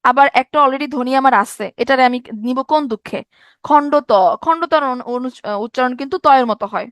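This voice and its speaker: A young woman teaches an exam-prep grammar lesson in a high voice, tired from no sleep. She repeats each point and keeps asking her listeners rhetorical questions. The sound is dry and close, with no room echo. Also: a little fast.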